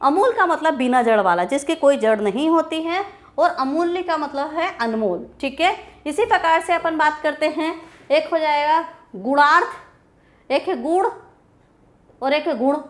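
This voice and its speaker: A woman with a high voice teaches a grammar lesson. She repeats each key term, poses questions and answers them herself, and slows down to stress definitions. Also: animated. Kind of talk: classroom grammar lecture.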